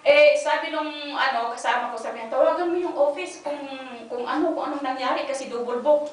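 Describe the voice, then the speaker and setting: A woman from the Philippines giving an inspirational church talk, telling her story with lively acted-out dialogue and bits of English. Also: high-pitched, brisk. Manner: animated storytelling, acts out dialogue, mixes in English. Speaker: guest speaker giving a testimony. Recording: echoey hall, distant mic, faint noise.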